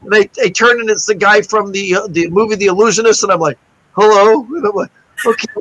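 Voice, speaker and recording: A man's voice: high-pitched, brisk, dry recording, muffled recording. A middle-aged man, a guest magician, telling a story in a casual interview and acting out the other people's lines. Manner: animated anecdote-teller, acts out quoted voices.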